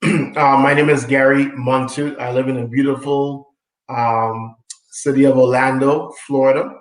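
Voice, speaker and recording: A man's voice: mid-range voice, flat delivery, a little slow, reverberant, poor audio. A man from Trinidad and Tobago, co-hosting a live stream, introduces himself in a friendly, casual way with many fillers over a video call. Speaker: co-host.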